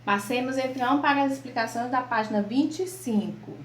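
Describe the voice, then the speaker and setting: A Brazilian woman teaching primary school children an online lesson, slow and patient, spelling out letters and examples. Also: high voice, slight background noise. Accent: Brazilian Portuguese. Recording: echoey room.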